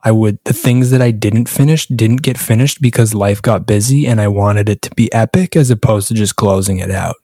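A man's voice: fairly low pitch, moderate pace, hardly any pauses, mellow, no room sound, clean studio sound. A man co-hosting a podcast in casual chat, reflective and earnest, asking probing questions. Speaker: podcast co-host.

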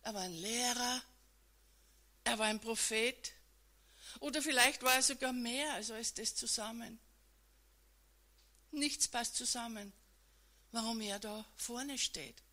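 A woman telling a dramatic retelling in the second person, moving between loud emphatic lines and hushed ones. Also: on the high side, a little slow, pauses often.

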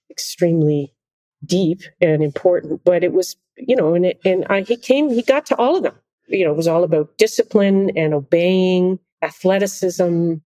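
A middle-aged woman, a conductor and interview guest, telling animated, self-deprecating stories in casual conversation. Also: fairly low pitch, dry recording. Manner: animated, self-deprecating anecdotes with frequent laughter.

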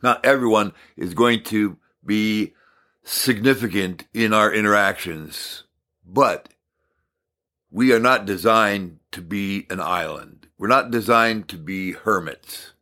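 Calm and unhurried, a man teaches a devotional message, stopping for thoughtful pauses. His voice, fairly low in pitch, carries a little rasp from much talking.

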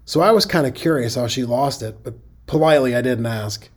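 A man's voice: mid-range voice, brisk. A middle-aged man with a Midwestern accent, hosting a safety podcast in a folksy, conversational monologue that now and then corrects itself.

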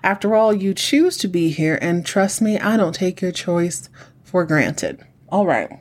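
A middle-aged podcast host with a husky voice, chatting solo in a campy, sassy drag-queen manner, sounding like a woman. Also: mid-range voice, big pitch swings, unhurried. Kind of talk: chatty solo recap commentary.

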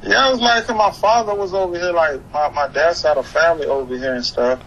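A young hip-hop artist from Haiti and Florida, who arrived in the US at eleven, chats casually as an interview guest, his slangy talk full of repeats and "you know what I'm saying." His voice is on the high side and a bit bright, and he talks fairly quickly. The highs are cut off, and there's clearly noisy background ambience.

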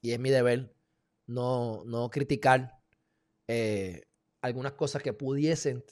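A man with a Puerto Rican accent giving emphatic, heated commentary in a casual live video, talking straight to his viewers with sudden loud bursts. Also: medium pitch, takes it slowly. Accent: Puerto Rican Spanish. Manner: informal, addresses viewers as "mi gente". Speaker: live-stream political commentator.

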